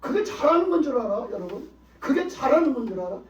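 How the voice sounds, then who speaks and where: A man's voice: very high voice, sing-song, quick pace. A male pastor preaching a sermon, pressing his listeners with repeated rhetorical questions. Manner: emphatic, repetitive rhetorical questioning. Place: church sanctuary. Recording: echoey hall, distant dull mic.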